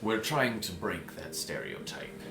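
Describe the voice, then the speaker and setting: A man running a tabletop game as game master, calmly narrating scenes. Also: sits low, unhurried, vocal fry. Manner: calm, descriptive narration. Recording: roomy sound with music behind.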